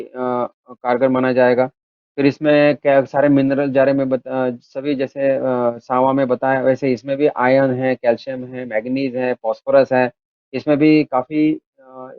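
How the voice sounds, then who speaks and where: A man's voice: medium pitch, dry recording. A man giving a health talk on millets, explaining step by step and listing items with frequent hesitations. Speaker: health educator. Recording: dry, phone-like narrow sound.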